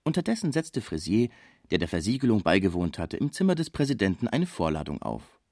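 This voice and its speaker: Male narrator, low and expressive, dry audiobook read. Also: fairly quick, no room sound. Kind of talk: audiobook reading.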